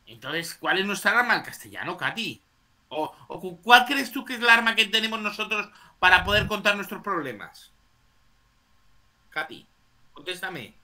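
A man's voice: sits high, pushed and bright. A man from Spain with a Spanish accent, hosting a casual online debate and rambling with frequent tag questions.

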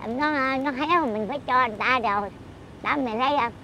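High-voiced blunt woman in her eighties. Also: fast, dull audio, slight background noise. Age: 80s. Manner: blunt, teasing, scolds playfully. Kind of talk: casual chat.

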